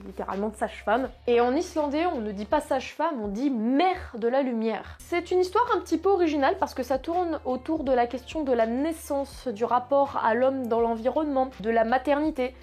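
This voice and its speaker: A young woman in her twenties talks through her year of reading in a loose, chatty vlog. Her voice sits a little high, and she drops slang and teasing asides at herself as she goes. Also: brisk, hardly any pauses, darkish tone. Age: 20s. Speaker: book vlogger. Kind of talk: casual book review vlog.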